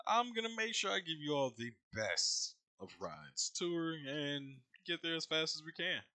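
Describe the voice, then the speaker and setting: Man playing a folksy old dwarf boatman, forceful. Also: a little high, animated, moderate pace, dry recording, voice pushed up. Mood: obliging. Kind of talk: tabletop game role-play.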